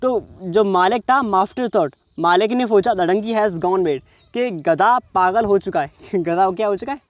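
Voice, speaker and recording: A man's voice: sits high, no room sound. A man teaching an English reading lesson, explaining each English word in Hindi and often checking whether the listener understands. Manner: reads English words slowly, then explains each in Hindi; keeps checking the listener with "समझ रहे हो".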